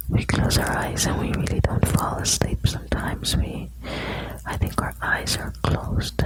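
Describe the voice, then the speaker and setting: Slow whispering ASMR woman, close to the ear. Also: poor audio. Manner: soothing, intimate, addressing the listener. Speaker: ASMR host reading quotes. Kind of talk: ASMR, whispered reading of quotes with chatty asides.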